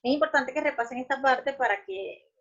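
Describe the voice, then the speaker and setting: A woman teacher explaining grammar, checking in often with short questions and filling pauses with "este". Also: high-pitched, a bit bright. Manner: explanatory, checks in with "¿ok?" and "¿verdad?", frequent restarts and "este" fillers. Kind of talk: recorded grammar lesson. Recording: muffled lo-fi recording.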